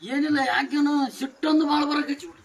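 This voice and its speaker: A man's voice: extremely high pitch, fairly even intonation, brisk, recorded from a distance. A man with a North Karnataka Kannada accent, playing an insistent, short-tempered village man in a comedy skit. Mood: grumbling. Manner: insistent, repeats himself.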